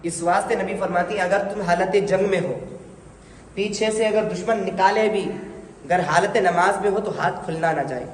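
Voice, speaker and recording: A man's voice: sits high, moderate pace. Male religious teacher, correcting and coaxing learners, roomy sound with faint background noise. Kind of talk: hands-on prayer instruction. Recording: echoey hall, faint noise.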